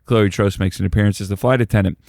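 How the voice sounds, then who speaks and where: A man's voice: on the low side, fairly even intonation, fast talker, gravelly, darkish tone, no echo, clean studio sound. A man co-hosting a podcast, reading out sketch summaries and chatting casually about them. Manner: reads sketch summaries, then chats loosely. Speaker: podcast co-host. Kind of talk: casual chat recapping sketches.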